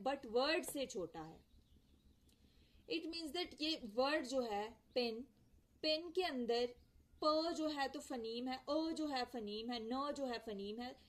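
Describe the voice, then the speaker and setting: A woman's voice: high-pitched, low-quality recording. A young woman teaching an English lesson, patiently explaining and often checking whether her students have understood. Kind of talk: classroom lecture mixing Hindi-Urdu and English.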